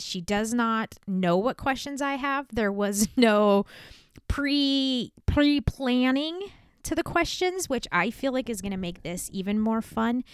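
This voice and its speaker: A woman's voice: a little high, clear, resonant tone, no room sound, clean studio sound. A woman hosting a casual podcast, interviewing her wife in a playful, teasing way. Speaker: podcast host.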